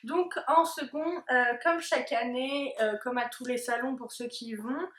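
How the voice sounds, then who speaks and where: A young woman explains what she bought in a casual, hesitant way, with plenty of fillers. Her voice is slightly high, and the recording has a roomy echo. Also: steady tone, normal speed, fairly bright tone. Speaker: vlogger. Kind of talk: casual haul video chat. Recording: echoey room.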